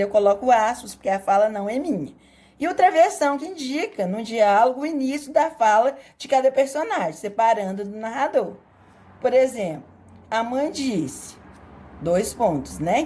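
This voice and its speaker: A woman's voice: a little high, darkish tone. A woman teacher from Brazil, patiently explaining a lesson to parents and often adding "né?". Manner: patient explaining with frequent "né?" tags.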